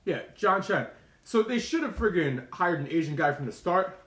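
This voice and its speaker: Man, somewhat high-pitched, casual livestream chat, opinionated storytelling, slangy, echoey room. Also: lively intonation, moderate pace, fairly bright tone. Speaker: mukbang streamer. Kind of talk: casual rambling live-stream chat to viewers. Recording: roomy, echoey room sound.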